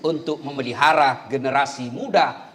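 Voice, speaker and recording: A man preaching a humorous sermon with an Indonesian accent, swinging between loud, high exclamations and low, murmured prayers. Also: normal speed, a little hiss or hum.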